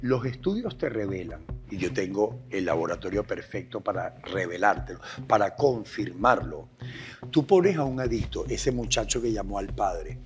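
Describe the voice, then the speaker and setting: Venezuelan male expert guest; low voice, fervent, repetitive, faint music bed. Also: expressive, normal speed. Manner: impassioned, repeats phrases for emphasis. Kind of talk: emphatic testimony and explanation.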